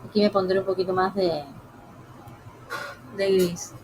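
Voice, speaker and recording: A woman narrates a live drawing class at an easy pace, speaking directly to her viewers. Her voice sits in an ordinary middle pitch and often drops quietly as she concentrates. A faint hiss of room noise sits behind her. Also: flat delivery. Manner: soft, unhurried, talks while drawing. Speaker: drawing teacher. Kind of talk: live-streamed drawing lesson.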